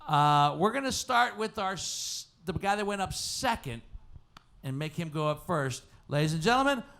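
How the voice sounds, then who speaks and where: A man's voice: high-pitched, sing-song, normal speed, vocal fry, a bit bright, clean tone. A man hosting a live comedy podcast on stage, playful and teasing as he hypes the audience. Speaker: podcast host.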